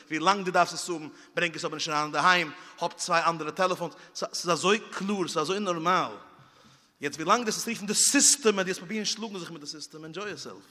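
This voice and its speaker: A man gives a moralizing talk built on vivid anecdotes, acting out moments with small puffing sound effects. His voice is bright and sharp. The recording carries a long, lingering hall reverb. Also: on the high side.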